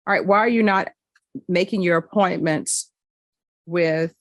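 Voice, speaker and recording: A woman's voice: on the low side, no room sound. A woman judge speaking firmly and directly at a courtroom hearing, addressing defendants. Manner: firm, measured, direct.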